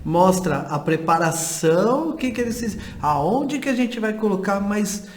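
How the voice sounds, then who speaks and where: A man with a notably high voice hosts a casual church podcast. He rambles and hesitates, trailing off mid-thought, and the room around him sounds echoey. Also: expressive, measured pace. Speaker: podcast host.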